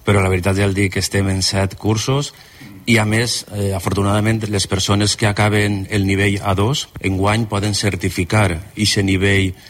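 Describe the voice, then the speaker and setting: A man with a Valencian accent speaking in an unhurried, flat way in a recorded interview clip. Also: fairly low pitch. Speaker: school secretary.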